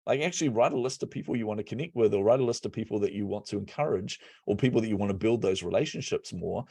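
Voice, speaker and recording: A man telling stories as a podcast guest and business coach, energetic and laughing often. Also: on the low side, fast, creaky, husky, no echo. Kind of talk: casual interview chat.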